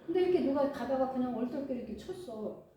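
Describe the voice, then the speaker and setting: A middle-aged woman pastor preaching in a lively, conversational way, acting out short bits of dialogue, recorded from a distance in a church hall with faint music behind her. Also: high-pitched, fast talker, a little hiss or hum. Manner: conversational, animated, acts out dialogue. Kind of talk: sermon. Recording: echoey hall, far from mic, faint music.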